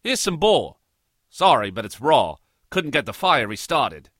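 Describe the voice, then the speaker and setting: An actor playing a cheeky, boastful adventurer who speaks with an Australian accent and a lot of slang. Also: male voice, medium pitch, sing-song, a little slow, a bit bright, dry recording, studio quality. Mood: cocky. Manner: brash, joking, full of slang. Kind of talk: audio drama acting.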